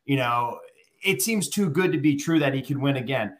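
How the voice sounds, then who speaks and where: A man's voice: medium pitch, lively intonation, normal speed. A man co-hosting a golf betting podcast, rambling casually and tossing out punning nicknames. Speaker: podcast co-host. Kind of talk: casual sports betting chat.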